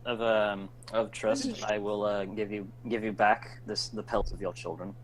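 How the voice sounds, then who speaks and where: A man's voice: on the low side, little pitch movement, measured pace, crowd noise. A man speaking casually as a player in a tabletop game, dry and joking. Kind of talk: casual tabletop role-play. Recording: noisy, keyboard clicks behind.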